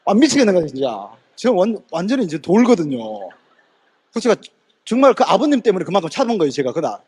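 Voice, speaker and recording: Motivational speaker, male, high husky voice, fiery storyteller who acts out every quote. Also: sing-song, quick pace, darkish tone. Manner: addresses audience directly with rhetorical questions. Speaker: direct sales motivational speaker.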